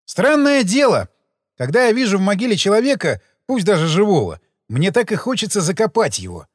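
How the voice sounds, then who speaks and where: A man's voice: sits high, big pitch swings, brisk, no echo, studio quality, voice pushed up. A man reading an audiobook, voicing a sardonic male police major who speaks in a mocking, menacing way.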